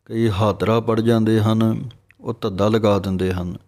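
A man gives a pronunciation lesson in scripture chanting. He chants each verse slowly, then explains it more quickly. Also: lowish voice, steady tone, a little mellow. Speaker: scripture recitation teacher.

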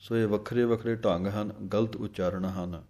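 Low, mellow-voiced man teaching recitation. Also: fairly even intonation. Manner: alternates slow chanted recitation with quicker spoken explanation. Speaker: scripture pronunciation teacher. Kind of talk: recitation lesson.

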